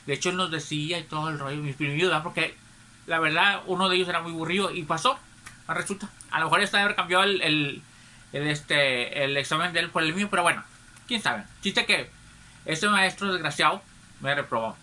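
A man's voice: on the high side, fairly quick, sharp tone. Chatty Mexican man telling gossip. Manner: chatty, tags nearly every phrase with a questioning aside. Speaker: storyteller. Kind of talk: casual gossipy anecdote.

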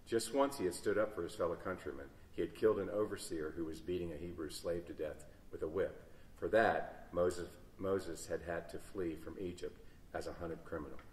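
A man dramatically reads a Bible story aloud in a large church, his loudness rising and falling. His voice is very deep. It rings with long reverb and sounds distant from the mic. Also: steady tone, normal speed. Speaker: story reader. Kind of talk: expressive read-aloud storytelling.

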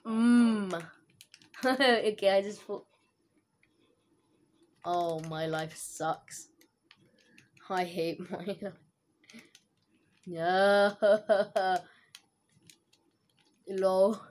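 A woman talks through her gameplay in a relaxed, unhurried way, her pitch sitting right in the middle. She giggles often and tosses in internet slang as she goes. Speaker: gaming video host. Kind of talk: casual gameplay commentary.

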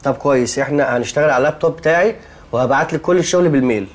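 A man's voice: a little high, very fast, natural voice. An actor in a comedy series playing a flustered young man with an Egyptian accent who grows exasperated. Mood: calm, polite. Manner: exasperated, rising to shouts. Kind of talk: sitcom acting.

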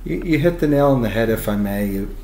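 A man speaking with warm enthusiasm, his voice climbing when he gets excited. He talks in an expansive, animated way, and the room around him has a noticeable echo. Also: lowish voice, fairly quick. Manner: animated and expansive, rising emphasis. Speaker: guest, film location tour organizer. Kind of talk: enthusiastic interview talk.

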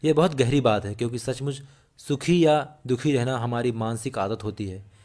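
A man's voice: mid-range voice, moderate pace. Earnest male audiobook narrator. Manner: steady, earnest reading with small slips and restarts.

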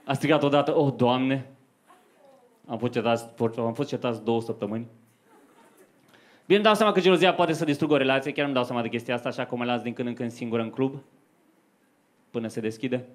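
In this live club stage recording with faint noise, a young adult man performs stand-up comedy. He tells stories conversationally to the audience via a handheld microphone, his mid-range voice broken by long pauses.

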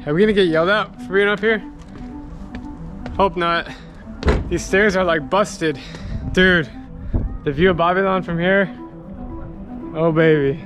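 A young man filming a travel vlog in an abandoned palace with a handheld camera, talking in an excited, exclaiming way. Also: sits high, measured pace, long pauses, music in the background. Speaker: travel vlogger. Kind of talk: travel vlog with voice-over narration. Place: abandoned palace, large empty stone rooms. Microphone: handheld camera at arm's length.

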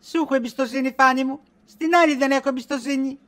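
A woman's voice: high-pitched, steady tone, fairly bright tone. A woman playing a middle-aged wife in a comedy sketch, insistent and accusing as she nags her husband. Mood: jealous.

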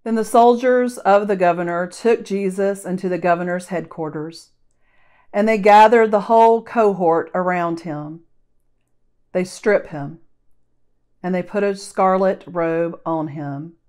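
Smooth-voiced woman reading scripture slowly. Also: lowish voice, a little mellow. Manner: slow, deliberate reading. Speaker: scripture reader. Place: church sanctuary.

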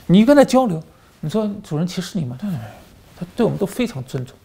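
A man with a high-sitting, mellow voice talks at a quick pace, very animated and touched with vocal fry. As host of a commentary channel and a former journalist, he tells political stories in a monologue, using plenty of fillers and repeated words.

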